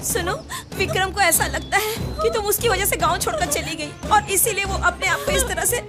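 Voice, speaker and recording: A worried old village mom, pushy and repeating herself, high voice, loud movie music. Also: female voice, fairly quick. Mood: urging. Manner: urgent, repeating her pleas. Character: anxious older village mother, urging and scolding. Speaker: village mother figure. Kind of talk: Hindi-dubbed film acting. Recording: loud film score behind.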